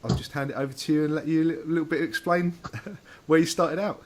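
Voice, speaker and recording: A man's voice: on the high side, fairly even intonation, quick pace, slight background noise. A man hosting an interview, chatty and full of fillers. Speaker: host. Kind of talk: casual interview.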